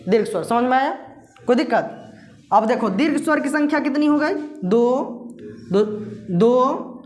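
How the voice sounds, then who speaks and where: A woman teaching a Hindi grammar lesson who asks her class questions, answers them herself and slowly repeats the key terms. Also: high voice, animated, roomy sound, faint music behind.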